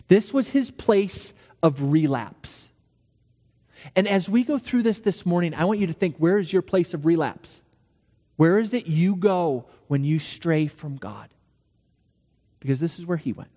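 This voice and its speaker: A man preaching a sermon, walking through a scripture passage and acting out the dialogue in lively storytelling. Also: fairly high pitch, big-room sound. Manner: animated storytelling with acted dialogue. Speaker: pastor.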